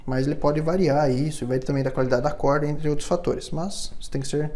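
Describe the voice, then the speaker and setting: A man, speaking in a slightly raised, mellow and warm voice. He explains instrument setup patiently, step by step, as a hands-on workshop demonstration, and keeps checking in with the listener. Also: on the high side, steady tone, a little fast. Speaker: luthier instructor.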